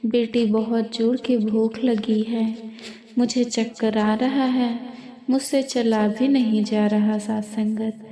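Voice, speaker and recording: A woman's voice: a little high, little pitch movement, takes it slowly, warm tone. A woman voicing a frail, starving old beggar woman who pleads for food in a devotional story. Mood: pleading. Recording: echoey room with crowd noise.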